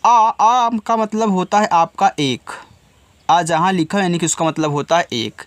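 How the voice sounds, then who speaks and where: A man teaches a casual spoken English lesson in a high-pitched, fairly bright voice, speaking a little slowly with no room sound. He's patient, repeats each step, and often asks his listeners questions directly.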